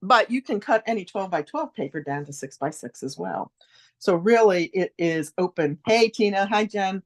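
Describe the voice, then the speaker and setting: A woman's voice: medium pitch, expressive, normal speed. A woman hosting a casual live-stream craft class, chatty and upbeat, rambling with asides and greeting viewers by name.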